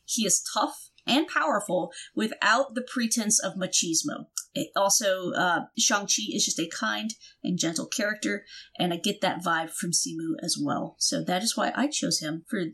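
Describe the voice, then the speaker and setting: A woman's voice: medium pitch, moderate pace, a bit bright, slightly rough. A woman co-hosting a podcast, giving earnest, emphatic opinions in casual chat. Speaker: podcast co-host.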